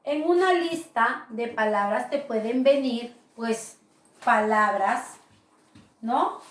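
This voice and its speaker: A woman teacher talks slowly and patiently, with a somewhat high voice. She checks in with her listeners often as she explains. She sounds set back from the mic in an echoey room. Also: far from the mic. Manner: slow, patient explaining with frequent "¿verdad?" tags. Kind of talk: recorded grammar lesson.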